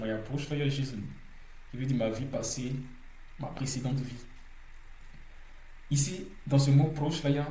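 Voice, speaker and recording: A man's voice: mid-range voice, dark tone, reverberant, rough recording. A man teaching a language lesson in French, explaining pronunciation rules step by step with frequent hesitations, repeating words to drill them.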